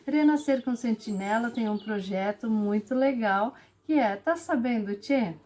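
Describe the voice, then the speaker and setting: A woman teacher, explaining a lesson patiently and clearly to children and acting out example sentences with lively intonation. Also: a little high, a little slow. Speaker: special education teacher.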